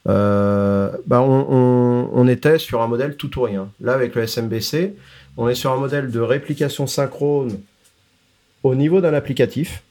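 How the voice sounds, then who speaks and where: A man's voice: medium pitch, normal speed, darkish tone. Man explaining tech with many fillers. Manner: explanatory, hesitant with frequent "euh" fillers; mixes English tech terms into speech. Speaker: podcast co-host explaining product releases. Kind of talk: casual tech podcast chat.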